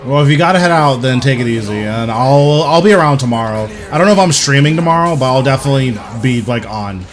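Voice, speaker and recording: A man's voice: mid-range voice, animated, fast. A young man giving casual, rambling live commentary while streaming a video game. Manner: rambling, thinking aloud, informal.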